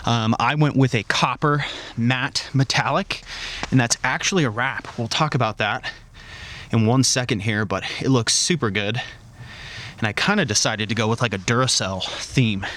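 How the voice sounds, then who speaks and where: A man talks his way around a parked car outdoors in bitter cold, breathing a little hard. He chats loosely with plenty of filler words. His voice sits at a middling pitch. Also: a bit bright. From Colorado. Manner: chatty, loose, lots of "like" fillers. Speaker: car vlogger. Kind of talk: casual walkaround vlog. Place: outdoors beside a car in freezing weather.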